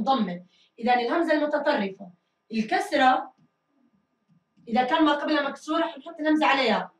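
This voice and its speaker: Woman, teacher, slow drawn-out drilling, roomy sound. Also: high voice, recorded from a distance. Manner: drills answers, stretching words slowly. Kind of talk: recorded classroom grammar lesson. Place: school studio room. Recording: echoey room, mic set back.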